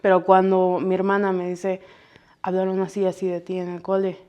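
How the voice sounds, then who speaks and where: A woman in her thirties hosting a casual podcast conversation, telling lively stories and acting out what people said. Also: on the low side, normal speed, clear, resonant tone, lo-fi sound. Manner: lively storyteller who acts out quoted speech. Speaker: podcast host.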